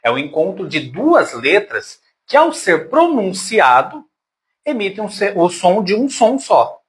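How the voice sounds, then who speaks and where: High, lively male teacher. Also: measured pace. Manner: patient, breaks words into syllables aloud; addresses pupils affectionately. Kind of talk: classroom grammar lesson.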